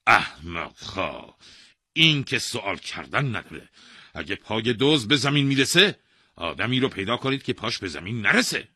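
Brief: man doing a blustering storybook king, husky, shouting slow orders, dry close sound. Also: fairly low pitch, very animated, dry recording, voice pushed up, heavily acted. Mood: angry. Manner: shouting, drawn-out commands. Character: angry foolish male king, loud and bossy.

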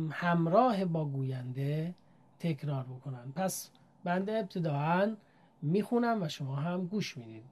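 A woman's voice: lowish voice, dark tone. A woman giving a formal, polite lesson, patiently sounding out syllables one by one as a Quran teacher.

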